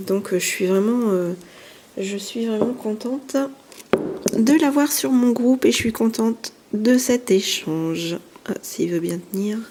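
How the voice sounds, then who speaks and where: Soft-spoken woman showing crafts. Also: mid-range voice, slight background noise. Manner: hesitant, many fillers and restarts; soft-spoken, drops to near whispers. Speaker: scrapbooking YouTuber. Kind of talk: casual show-and-tell.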